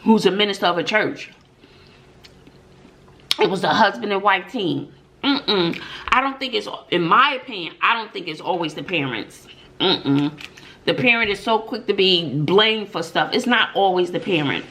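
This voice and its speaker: A woman's voice: mid-range voice, lively intonation, moderate pace, sharp tone. Emphatic middle-aged woman, casual story time. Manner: emphatic, opinionated, with frequent "mm-mm" and rhetorical questions. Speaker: mukbang vlogger and middle school teacher telling stories. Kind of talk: casual story time and opinion talk to viewers.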